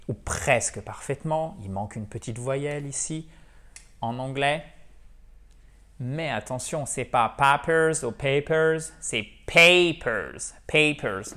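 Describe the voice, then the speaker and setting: In a video lesson on how to pronounce English, a medium-pitched, French-speaking man works through words at a slow pace, saying each one again and again.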